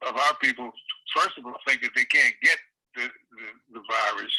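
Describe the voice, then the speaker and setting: Older male interviewee, calm and reflective, rough-edged voice, harsh bright phone-line audio. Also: medium pitch, normal speed. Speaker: interview guest, community elder. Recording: tinny phone line over speakerphone.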